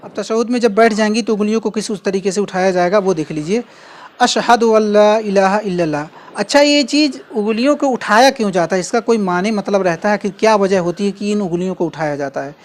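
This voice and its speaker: A man giving a patient, step-by-step spoken lesson, repeating key phrases slowly and carefully. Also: sits high. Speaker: religious instructor. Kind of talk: instructional demonstration.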